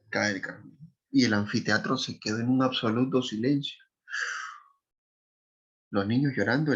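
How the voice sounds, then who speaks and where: A male literature teacher, retelling a story to his class in an animated way, acting out voices and asking students questions. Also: lowish voice, dull audio.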